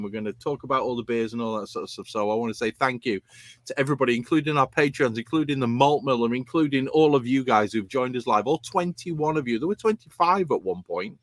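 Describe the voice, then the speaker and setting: A man's voice: medium pitch, fairly bright tone, no room sound. A man hosting a podcast live, signing off in a boisterous, rambling, sweary way. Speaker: podcast host. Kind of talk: casual chat, sweary sign-off.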